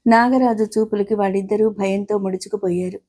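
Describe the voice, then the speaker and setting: A woman's voice: medium pitch, steady tone, a little fast, mellow. A middle-aged woman reading a family story aloud, voicing the characters' lines in her own voice. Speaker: story narrator. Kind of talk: scripted storytelling narration.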